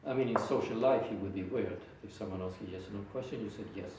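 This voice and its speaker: A man's voice: on the low side, fast talker, darkish tone. A male teacher probes a student with pointed questions, often restarting mid-sentence. He sounds distant from the mic, in a very reverberant room with a faint hiss underneath. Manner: probing questions with frequent stutter-restarts. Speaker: teacher leading a reasoning exercise. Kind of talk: Socratic questioning session.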